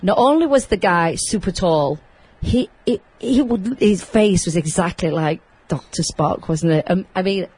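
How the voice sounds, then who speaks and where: Loud chatty woman host. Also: mid-range voice, breathy edge, low-quality recording. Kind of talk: casual chat.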